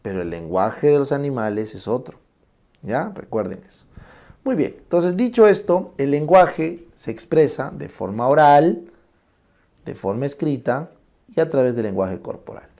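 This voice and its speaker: A man giving a classroom lecture, naming terms slowly, acting out examples and checking in constantly with short tag questions. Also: mid-range voice, expressive, dark tone.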